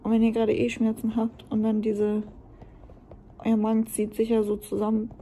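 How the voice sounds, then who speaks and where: A woman's voice: a little high, completely flat delivery, normal speed, dark tone, breathy edge. A woman vlogging casually to camera, talking in a candid, rambling way, worn out and in pain after surgery. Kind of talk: casual vlog talk to camera.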